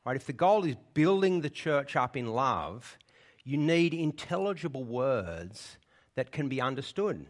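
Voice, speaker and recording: This church sermon comes from a man whose first language is English, his mid-range voice sing-song and unhurried. He walks through the passage in a conversational style, frequently pausing to engage the congregation.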